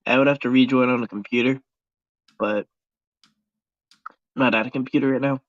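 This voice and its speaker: A man's voice: medium pitch, steady tone, fairly quick, no echo. An American man hosting a voice chat, talking in a laid-back, hesitant way. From United States. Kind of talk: casual chat. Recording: dull lo-fi sound.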